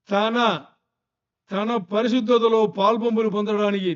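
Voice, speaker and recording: A high-pitched male pastor preaching a sermon to his congregation. He keeps firing rhetorical questions and urging them to think. The dull, lo-fi recording muffles his voice.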